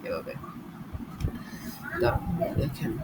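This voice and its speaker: A man giving a casual spoken English lesson, drilling words again and again, with quick asides between the drills. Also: noisy background. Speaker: self-taught English learner teaching basics.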